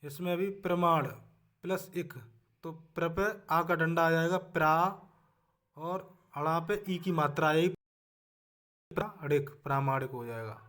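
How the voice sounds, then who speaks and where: A man teaching a spelling lesson for exam preparation, speaking with a Hindi accent. He repeats each word to drill it and often trails off softly at the end of a line. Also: a little high, measured pace, long pauses.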